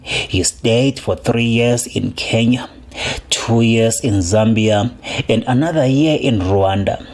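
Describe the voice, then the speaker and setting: Low-voiced male news narrator. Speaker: news reporter.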